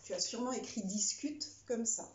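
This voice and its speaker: A woman teacher dictating to a child word by word, spelling out words, pausing and explaining as she goes. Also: on the high side, noisy background. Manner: instructive, addressing one pupil directly. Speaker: primary school teacher. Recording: echoey room, slightly muffled sound.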